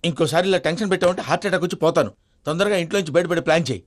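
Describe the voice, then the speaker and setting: Brief: man playing a nervous middle-aged plotter, high-pitched, rattling through lines. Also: lightly acted. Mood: fretful. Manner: fretful, bossy, rapid comic patter. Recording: film scene under loud score.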